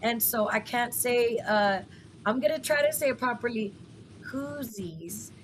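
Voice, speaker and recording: A woman's voice: on the high side, moderate pace, a little hiss or hum. A woman radio host with a twangy West Texas drawl, chatting casually and giggling often. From West Texas, United States. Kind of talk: casual interview chat.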